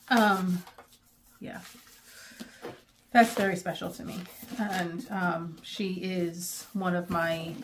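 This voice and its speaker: A middle-aged woman, chatting in a rambling way with many pauses, going emotional at times. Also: fairly low pitch, background noise. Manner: emotional, near tears. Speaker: book vlogger. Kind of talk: casual chat.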